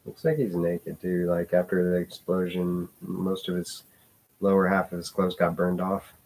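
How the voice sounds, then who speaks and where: A man with a deep, low-pitched voice talks his way through a casual vlog. He rambles and restarts, hunting for words, and drops in the occasional curse. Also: little pitch movement, normal speed, darkish tone. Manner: rambling, hesitant, with many fillers and restarts; swears casually. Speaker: vlogger.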